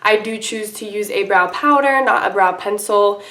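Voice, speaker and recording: Woman, feeling sick with a stuffy under-the-weather voice, casual beauty vlogger, mid-range pitch, rambling delivery, roomy echo. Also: normal speed, a bit bright. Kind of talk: casual makeup tutorial chat to camera.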